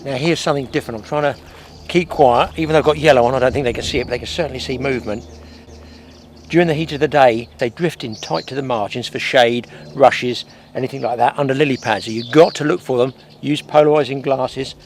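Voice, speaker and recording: A middle-aged man, talking casually while fishing at a lakeside and getting excitable when fish bite. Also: medium pitch, fast talker. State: out of breath. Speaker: angling presenter. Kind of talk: outdoor fishing demonstration. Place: outdoors at a lakeside. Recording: faint outdoor noise.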